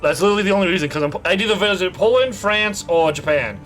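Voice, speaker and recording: A man's voice: high voice, expressive, fast talker, fairly bright tone, soft background music. Blunt, foul-mouthed man in chat. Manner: swears freely, blunt teasing. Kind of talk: casual group chat.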